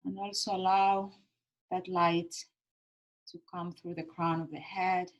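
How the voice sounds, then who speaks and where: A woman meditation guide speaks in a slightly low voice at a very slow pace. She leads a calm grounding exercise with gentle, soothing instructions. Her short phrases are set apart by pauses. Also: dull audio.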